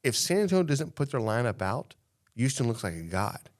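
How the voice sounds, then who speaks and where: With a mid-range voice, big pitch swings, and a slightly fast pace, this man co-hosts a casual opinion-driven podcast panel. He pushes his views emphatically, repeats himself, and keeps checking in with "right?"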